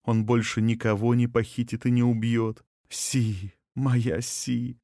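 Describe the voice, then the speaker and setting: A man's voice: mid-range voice, flat delivery, slow pace, mellow, no room sound, studio quality. A man reading an audiobook, voicing a grief-stricken young woman who sobs and pleads over her dying sister. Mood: tearful whisper. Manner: sobbing, pleading, desperate.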